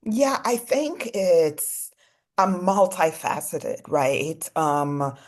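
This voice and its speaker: A woman's voice: lowish voice, very slow. A young adult woman from Congo, a fashion designer guest, talking casually in an interview, filling her speech with "you know" and "like". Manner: relaxed, many "you know" and "like" fillers.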